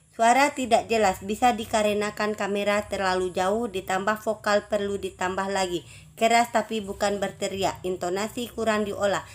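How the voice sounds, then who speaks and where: A medium-pitched woman announcing for a writing community's contest goes through the judge's comments one entrant at a time. Each note comes as a brief item in an even, list-like cadence, with small restarts here and there.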